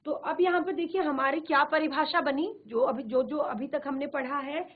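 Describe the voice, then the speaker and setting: Female teacher, high register, slow and repetitive delivery, poses questions then answers them, studio class recording with a thin phone-like sound. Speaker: Hindi teacher. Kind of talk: virtual classroom grammar lesson. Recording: narrow phone-like band.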